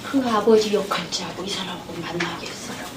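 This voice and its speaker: A woman counselor giving a church lecture, an animated storyteller who acts out the dialogue. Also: fairly low pitch, fairly quick. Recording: echoey hall from far off with noise.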